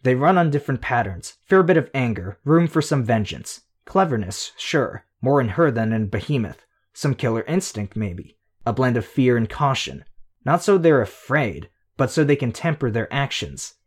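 A fierce, sharp-tongued young woman hurls taunts and pushes hard with rising heat, as a male narrator puts her on. The voice sits a little higher than his usual and swings up when she presses her point. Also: big pitch swings, normal speed, breathy edge. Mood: intense explaining. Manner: heated, needling, rising to near shouts.

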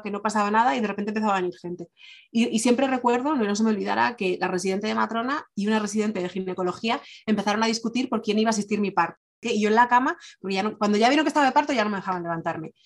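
A woman recounting her own birth story in a quick, chatty monologue. She stumbles into restarts and fillers, then slips into the voices of the people she quotes. She talks at a brisk clip in an ordinary mid-range voice. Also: mid-range voice. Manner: fast, chatty, many fillers and restarts, acts out quoted dialogue. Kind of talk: personal storytelling, casual monologue.

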